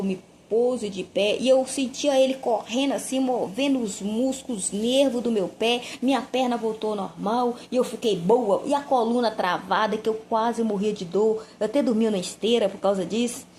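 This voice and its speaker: A woman's voice: on the high side, normal speed, hardly any pauses, darkish tone, slight background noise. A woman giving a fervent, emotional religious testimony.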